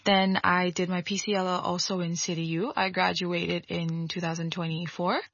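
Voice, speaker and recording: A woman in her twenties from Hong Kong chats easily as an interview guest, telling stories in a relaxed way. Her voice sits fairly low, and the recording is dry and dull, with a lo-fi sound. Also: normal speed, no echo. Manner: relaxed, chatty storyteller with little laughs. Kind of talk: casual interview talk.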